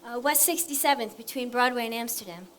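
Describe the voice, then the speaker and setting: A young woman dancer, played by an actress on stage talks straight out, without fuss. Her quips come dry and deadpan, in a voice that sits a little high. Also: brisk, slight background noise, close to an everyday voice. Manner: deadpan, plain-spoken quips. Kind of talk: stage play acting.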